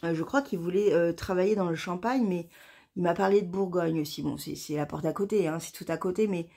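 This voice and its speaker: A woman from France talks straight to her camera in a relaxed knitting vlog. She rambles excitedly, tripping over her words and restarting sentences. Her voice sits on the low side with a slightly husky edge. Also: a little fast. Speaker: knitting vlogger. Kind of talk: casual chat to camera.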